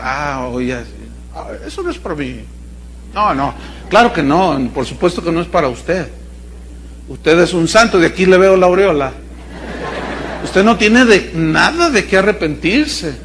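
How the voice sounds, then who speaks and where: A man with a high voice preaches to his congregation. He talks like he is telling a story, slipping into the voices of the people in it. He aims dry irony at his listeners. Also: fairly bright tone, a little hiss or hum. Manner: conversational storytelling, acting out people he quotes. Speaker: pastor. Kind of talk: sermon.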